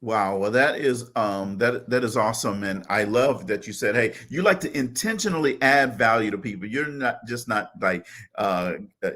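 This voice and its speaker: A man from Louisiana hosting a casual interview, upbeat and quick to praise his guest. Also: on the low side, expressive, fairly bright tone. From Lake Charles, Louisiana. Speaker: host.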